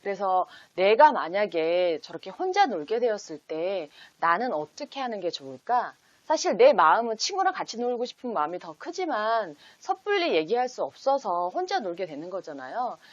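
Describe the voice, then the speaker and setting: A woman with a sing-song, medium-pitched voice teaches parents how to read picture books with children, working through numbered steps and asking example questions as though to a child. She speaks at a moderate pace with few pauses, and the audio is dull with no room sound.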